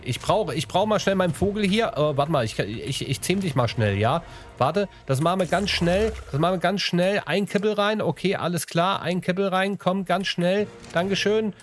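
A man's voice: sits high, lively intonation, normal speed, faint music behind. A man narrating his own gameplay in a casual, chatty way, talking to the animals and to his viewers with playful sing-song bits. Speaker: let's play host.

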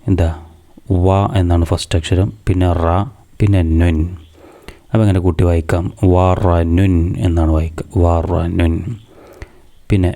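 A man with a Malayali accent gives a patient reading lesson to small children, spelling out each syllable and then blending it into a word. His voice sits low, with a very dark, mellow tone. He keeps asking simple questions and then answers them himself. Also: level tone, moderate pace, pauses often. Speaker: madrasa teacher.

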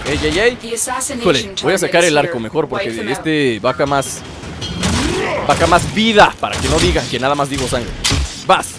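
A man's voice: a little high, animated, normal speed, pauses often. A young man commenting on his gameplay in a playful, taunting way, with lots of exclamations. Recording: game music mixed loud under voice. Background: game music.

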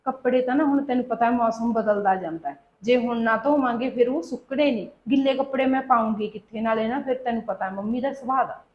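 A woman acting out a hardworking young daughter-in-law who asks politely and pleads. Her voice is high. The sound is dull and lo-fi, like a home video. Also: fast talker, few pauses, natural voice. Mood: calm. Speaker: daughter-in-law in a family short film. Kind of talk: amateur family drama acting.

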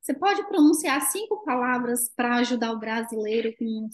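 A woman's voice: a little high, expressive, moderate pace. A woman with a Brazilian Portuguese accent hosting a casual interview, asking questions hesitantly with restarts and short replies. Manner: hesitant, restarts, brief backchannels. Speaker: interviewer and channel host.

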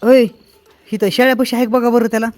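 A man acting in a village comedy skit, urging and hushing the children around him with bossy commands. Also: extremely high pitch, flat delivery, quick pace. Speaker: adult leading children in a skit. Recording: loud music behind the voice.

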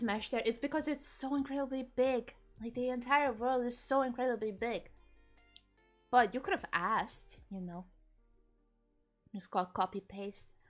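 A young woman streamer chatting casually with her viewers while eating, reading and answering chat with frequent giggles. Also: fairly high pitch. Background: faint background music.

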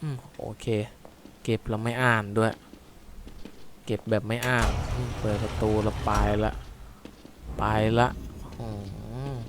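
A man's voice: on the low side, level tone, unhurried, long pauses, noisy background. A young Thai man commentating his horror game play, joking, muttering to himself and cursing at the screen. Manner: jokey, talks to the screen, mutters and curses at the game. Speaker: gaming YouTuber.

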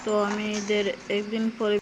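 A young woman with a Sylheti Bengali accent giving chatty, excitable commentary on a mobile game, talking straight to her viewers. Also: mid-range voice, moderate pace, background noise. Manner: chatty, excitable, addresses viewers, frequent exclamations. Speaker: gaming YouTuber.

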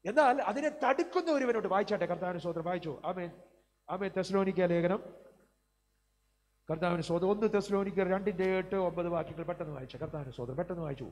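High-voiced male preacher in a reverberant hall. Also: fast talker, a little mellow. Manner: preaching with frequent amen and praise interjections. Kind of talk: sermon. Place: community hall. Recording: hall reverb, faint hum.

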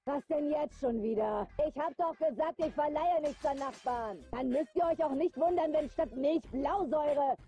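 A sharp-tongued, aggressive young woman from a point-and-click game, high-pitched and full of sarcasm. Every line comes out as a biting threat or a put-down. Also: moderate pace, hardly any pauses, highs cut off, faint music behind. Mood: grumbling. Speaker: game character.

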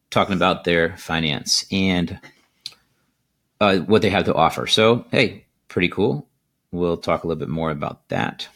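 Deep-voiced man, relaxed rambling commentary. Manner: relaxed, rambling, filler-heavy. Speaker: crypto video host. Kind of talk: casual market commentary. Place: indoors at a desk.

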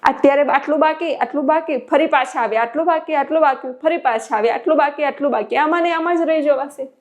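A woman's voice: sits high, quick pace, pitched above the performer's own voice, lightly acted. A woman voicing a wealthy male merchant who pleads and laments in long lists, in a spoken sermon parable. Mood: pleading.

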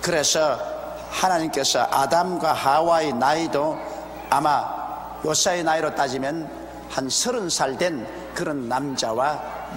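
Older pastor preaching in an echoey hall. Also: male voice, mid-range voice, fairly bright tone, a little hiss or hum. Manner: measured, deliberate preaching with pauses and rhetorical questions. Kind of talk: expository sermon. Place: large church sanctuary, behind a wooden pulpit. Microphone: pulpit microphone. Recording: roomy, echoey hall with faint ambience, older broadcast video.

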